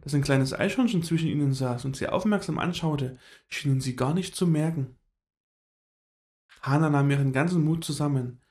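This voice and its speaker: A man gently narrating a children's story in an expressive storytelling manner. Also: on the high side, moderate pace.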